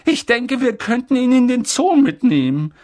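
Shrill scolding aunt, as a male reader puts her on. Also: very animated, moderate pace, darkish tone. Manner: snappish, scolding. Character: shrill, cross aunt, middle-aged woman.

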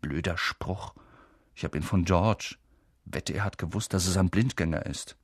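A man's voice: low voice, normal speed, dry recording, clean studio sound. A man voicing an awkward, gloomy eleven-year-old boy in an audiobook, mumbling and sheepish. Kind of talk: audiobook character voice.

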